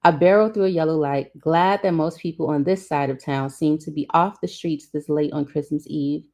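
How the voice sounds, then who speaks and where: Woman with a low voice reading a book out loud, acts out the dialogue. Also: normal speed, gravelly. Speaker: reader. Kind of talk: reading a novel aloud.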